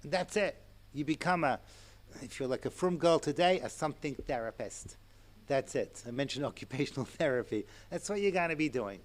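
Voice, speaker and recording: A man in his sixties giving a Torah lecture to an audience, animated and chatty, with asides and chuckles. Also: mid-range voice, fairly quick. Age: 60s. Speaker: rabbi and lecturer.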